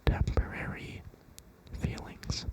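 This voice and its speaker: Young adult ASMR creator, fully whispered pep talk, gentle, reassuring and unhurried delivery. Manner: whispering throughout.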